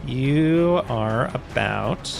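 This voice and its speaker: A man's voice: medium pitch, lively intonation, very slow, gravelly. Man, game master, chatty, laughs a lot, music faint behind. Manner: chatty, laughs often, many fillers. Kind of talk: narrating a tabletop game.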